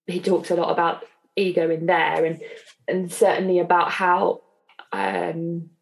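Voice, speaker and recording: A woman co-hosting a podcast, talking in a reflective, casual way with frequent pauses and fillers. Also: lowish voice, flat delivery, gravelly. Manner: thoughtful, hesitant, many fillers. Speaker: podcast co-host.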